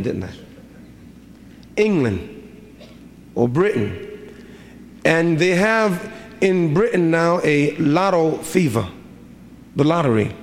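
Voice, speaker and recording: A man's voice: on the high side, vocal fry, slight background noise. A middle-aged man preaching a sermon as an imam, with a rhythmic delivery full of repeated rhetorical questions. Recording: reverberant hall, faint ambience.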